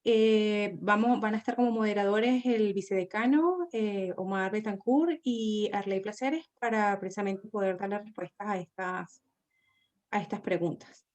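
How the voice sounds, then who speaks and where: A woman's voice: mid-range voice, normal speed, a little mellow. A woman hosting and moderating an online academic event, courteous and formal, with some filler hesitations. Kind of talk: formal welcome and moderation over a video call.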